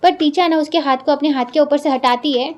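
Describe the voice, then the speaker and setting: A woman with a Hindi accent recapping a television drama in a lively, casual storytelling way. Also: high-pitched, a little fast. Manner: lively, acts out the characters' quoted lines.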